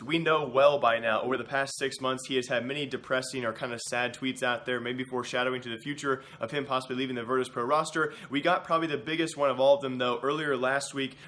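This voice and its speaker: A young man hosts an esports news rundown with a voice roughened by sickness. He rattles along at a rapid clip in a bright, forceful tone, stumbling into quick restarts as he goes. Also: medium pitch. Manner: energetic, rapid, frequent restarts. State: sick voice. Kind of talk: casual news commentary.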